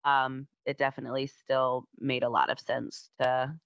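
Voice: mid-range voice, flat delivery, moderate pace, a bit bright, clear, resonant tone, dry recording, dull audio. An event organizer in casual chat, rambling with many fillers and self-corrections.

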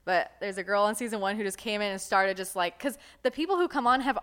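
A woman's voice: mid-range voice, fast, fairly bright tone, smooth. A woman co-hosting a podcast in easygoing casual chat, explaining things at length with many "like" and "um" fillers. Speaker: podcast co-host.

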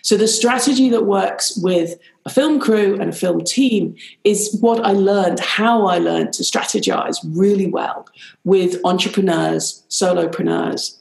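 Over a video call, a business strategist guest, middle-aged, Irish-born and raised in Pakistan and Nigeria, talks in a chatty, animated, conversational interview, often dropping "rather lovely" in her British accent. She speaks a little slowly at medium pitch, with vocal fry and a roomy sound.

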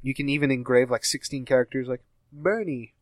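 A man chatting casually about video games, talking loosely with lots of fillers and quick laughs. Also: medium pitch, flat delivery. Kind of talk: casual gaming chat.

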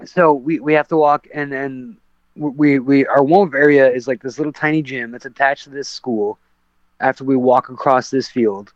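On a podcast, a professional MMA fighter appearing as a guest tells a story in a loose, rambling way, full of fillers and false starts. His mid-range voice stays fairly even in intonation at a moderate pace, and the lo-fi recording is dull and dry with no room sound.

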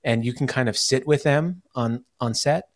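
A man's voice: mid-range voice, normal speed. Rambling American man hosting a podcast. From United States. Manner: rambling, many "like" fillers and restarts. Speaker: podcast host. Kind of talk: casual chat.

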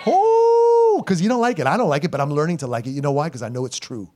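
A middle-aged male pastor preaching a sermon in church, moving from loud, emphatic exhortation to quiet, intimate asides, with informal slang. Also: fairly high pitch, sing-song, rapid-fire. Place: church sanctuary. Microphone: live stream church mic.

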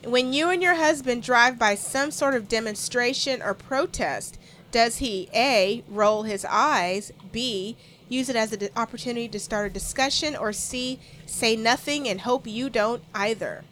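A woman's voice: a little high, a little slow, fairly bright tone, a little hiss or hum. A woman co-hosting a playful quiz game, reading out clues and laughing often. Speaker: game show co-host.

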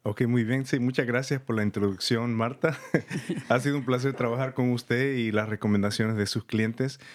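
A man's voice: medium pitch, fairly even intonation, normal speed. A man from El Salvador, a loan officer guest in an interview, explaining in a friendly way with simple step-by-step talk and easy laughs.

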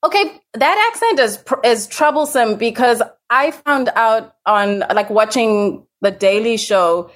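A woman's voice: on the high side, unhurried, hardly any pauses. Wry, chatty woman guest. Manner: wry, self-deprecating, chatty. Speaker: podcast guest. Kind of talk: casual chat.

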